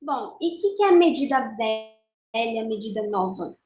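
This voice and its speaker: A young woman teaching an online literature lesson, explaining patiently and slowing down to count syllables aloud. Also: a little high, expressive, a little mellow. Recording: roomy echo.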